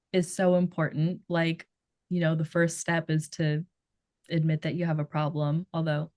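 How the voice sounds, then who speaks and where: A woman therapist with a Filipino accent, talking through ideas in a thoughtful, gentle way on a casual podcast and searching for her words. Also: lowish voice, no room sound, studio quality.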